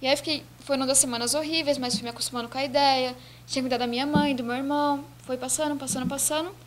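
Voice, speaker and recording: An eighteen-year-old woman tells a personal story. Her voice sits high and she talks quickly, acting out what others said to her. A faint hum runs behind her in an indoor office. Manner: animated storytelling, acting out quoted dialogue. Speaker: student telling her story. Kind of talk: casual personal account to camera.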